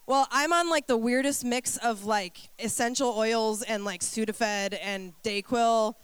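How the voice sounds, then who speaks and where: A woman's voice: on the high side, unhurried, clear, resonant tone, dry recording. A woman pastor with a bad cold and a blocked, nasal voice, speaking casually and informally to her congregation. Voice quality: stuffy, nasal, as if nose packed. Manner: informal, self-deprecating, joking with congregation. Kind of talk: casual, conversational sermon.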